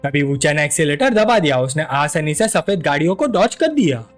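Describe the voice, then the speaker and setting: A man's voice: a little high, very animated, fairly quick, faint music behind. A man narrating a comic recap as a scripted story and voicing all of its characters himself.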